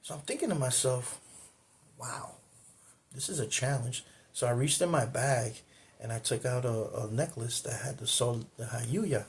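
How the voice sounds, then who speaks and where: At a moderate pace and medium pitch, a man tells a personal story on the cultural channel he hosts, speaking casually and wandering off track with frequent repeats and restarts. He's indoors, talking straight to the camera.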